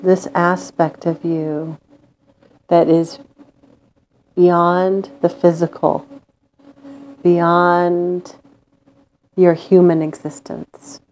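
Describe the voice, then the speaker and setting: A woman leading a guided meditation in a calm, gentle, soothing manner with long pauses. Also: on the low side, slight background noise.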